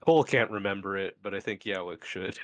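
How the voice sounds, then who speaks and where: A man's voice: sits low, a little fast, a bit bright, no echo. A man chatting casually as a tabletop game player, hesitant and thinking aloud.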